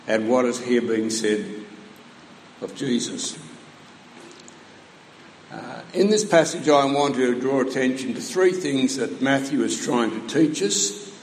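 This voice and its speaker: A man with a croaky voice from allergies, preaching a sermon with measured teaching and dry humor. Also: medium pitch, a little hiss or hum. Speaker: pastor. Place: church hall. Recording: roomy hall with long reverb.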